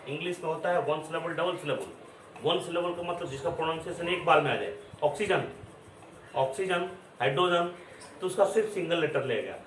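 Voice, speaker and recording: A man giving a classroom lecture, explaining slowly and repeating his words. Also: fairly high pitch, fairly bright tone. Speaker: teacher. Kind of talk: classroom lecture mixing Hindi and English. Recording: echoey room, voice from a distance, faint background noise.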